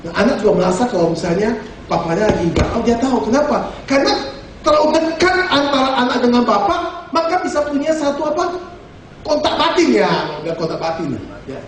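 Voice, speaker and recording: High-pitched man preaching in an echoey hall. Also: fairly quick, far from the mic, slight background noise. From Indonesia. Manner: animated and joking, with rhetorical questions. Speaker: pastor. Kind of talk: sermon.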